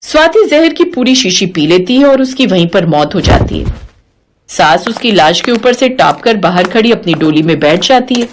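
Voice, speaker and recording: A woman narrating a family story in an even storytelling manner. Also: medium pitch, normal speed, background noise.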